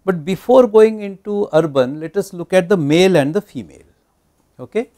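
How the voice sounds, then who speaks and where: A man's voice: high voice, fairly quick, mellow. A man in his sixties with an Indian accent lecturing conversationally in a mix of Hindi and English, posing questions and answering them himself. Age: 60s. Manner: mixes Hindi phrases into English. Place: small indoor studio. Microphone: lapel mic.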